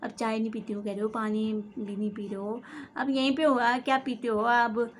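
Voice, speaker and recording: A woman's voice: fairly high pitch, little pitch movement, moderate pace, slight background noise. Chatty Uttarakhandi woman, gossip role-play. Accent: Uttarakhand Hindi. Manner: chatty and gossipy, full of tag words and fillers. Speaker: comedy vlogger. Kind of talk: comic role-play of a village gossip chat.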